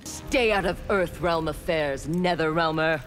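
An actress gives a deep, slightly slow voice to a stern female clan warrior in armor, trading intro banter in a fighting game. She sounds cold, clipped and menacing, and game music plays underneath.

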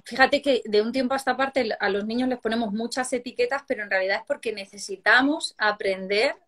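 A woman hosts a relaxed interview. Her voice sits a little high, and she talks in a chatty, animated way, full of anecdotes. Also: fairly quick. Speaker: host. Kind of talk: casual chat interview. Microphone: video call.

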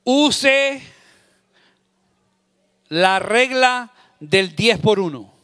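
A man preaching a sermon in a high, bright voice, with dry sound close to the mic. He drives his points home by repeating phrases. He swings between loud and soft to act out everyday scenes. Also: lively intonation, very slow, no echo. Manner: emphatic, repeats key phrases. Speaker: pastor.

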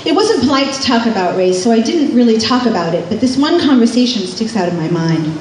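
On stage in a club, a middle-aged American woman from California, an author and musician, reads live from her own scripted memoir. Her fairly high voice has a darkish tone, lively intonation and a brisk pace. She uses a stand microphone through the PA, picked up by a distant camera, so the sound is roomy with faint noise and ambience.

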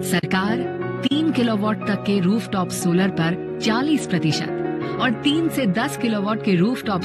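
A woman reading a scripted government explainer in a formal, measured announcer style. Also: medium pitch. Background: loud background music.

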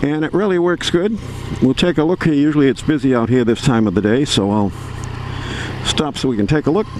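Folksy man talking over loud engine noise. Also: medium pitch, a little fast. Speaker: motorcycle vlogger. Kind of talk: casual chat while riding. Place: outdoors riding a motorcycle on suburban roads. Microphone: microphone inside motorcycle helmet. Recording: loud engine and wind noise, helmet mic.

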